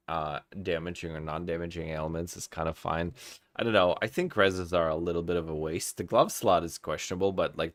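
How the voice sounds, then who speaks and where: On a live game stream, a Kazakh man offers laid-back advice about gear. His low voice has a fairly bright tone, and the recording is dry with no room sound at all. He thinks out loud, frequently repeating a word before moving on.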